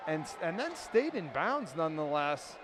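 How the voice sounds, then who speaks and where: Chatty high-voiced color commentator man. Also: big pitch swings, moderate pace, noisy background. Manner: analytical, chatty, repeats words as he goes. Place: indoor arena broadcast booth.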